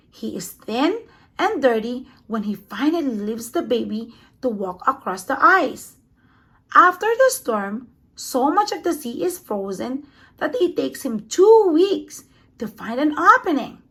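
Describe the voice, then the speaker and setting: Reading a kids' picture book in a lively storytelling style, a high-voiced woman puts extra punch into every sound word.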